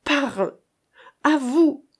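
Frantic mother, poor and desperate, put on by a woman reader; high, loud, accusing, for a storybook reading. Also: slow pace. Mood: furious. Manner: shouting, accusing.

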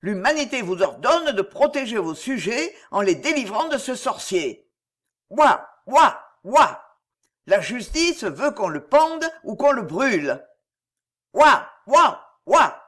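A woman's voice: mid-range voice, sing-song, measured pace, hardly any pauses. Woman doing a fawning barking court minister. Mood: pompous. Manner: pompous, breathless, yelping barks. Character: fawning male court minister, barks like a dog.

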